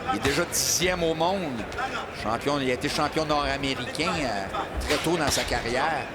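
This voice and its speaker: A man's voice: mid-range voice, normal speed, over a noisy crowd. A man with a Quebec accent giving conversational live analysis as a boxing commentator. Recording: very loud arena background noise.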